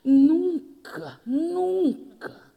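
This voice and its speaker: A man voicing a devout elderly woman on a bus, with a high, fluttery, exclaiming voice. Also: big pitch swings, extremely slow, vocal fry, mellow, exaggerated voice. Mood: flustered. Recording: long reverb of a church hall.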